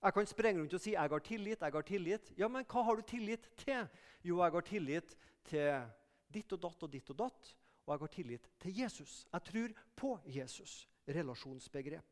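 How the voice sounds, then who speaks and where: A man preaches a sermon in a mission hall. His voice sits high, and his words ring out with a long reverb. He talks in an earnest, conversational way and now and then raises his voice in emphatic calls. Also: expressive.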